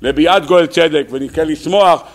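A man, a rabbi, giving a holiday sermon, telling stories animatedly and asking his listeners rhetorical questions. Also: fairly high pitch.

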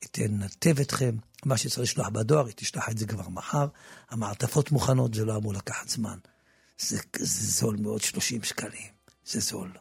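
A man giving an impassioned religious talk in a studio, often repeating and restarting words, swinging from a low murmur to loud, emphatic preaching. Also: vocal fry, husky, no echo. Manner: frequent repetitions and restarts. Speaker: religious teacher.

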